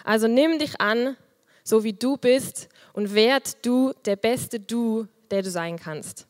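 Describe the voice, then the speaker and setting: A woman preaches in a lively, personal way, her soft, quiet voice sitting fairly high. She speaks into a handheld microphone, and a long hall reverb trails each phrase. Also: slow. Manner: lively, personal, with small laughs. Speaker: youth group leader giving a talk. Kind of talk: sermon.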